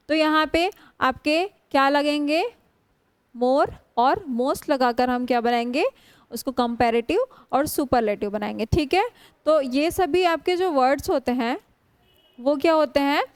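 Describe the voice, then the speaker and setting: A woman teaching English grammar in a classroom lecture, drawing out English words slowly and often putting questions to her students. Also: high-pitched, no room sound. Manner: slow, drawn-out spelling of English words; frequent rhetorical questions to students.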